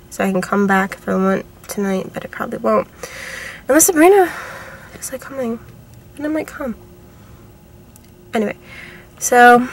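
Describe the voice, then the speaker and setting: A woman's voice: mid-range voice, slightly rough. A young woman vlogging casually from inside a car, talking to a camera at arm's length. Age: young adult. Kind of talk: casual vlog chat.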